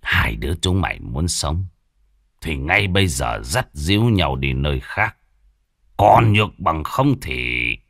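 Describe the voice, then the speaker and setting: A man voicing a stern, hot-tempered wealthy old village patriarch who scolds and shouts orders. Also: very deep voice, big pitch swings, takes it slowly, creaky, no echo, clean studio sound, voice pushed down, full character voice. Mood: gruff.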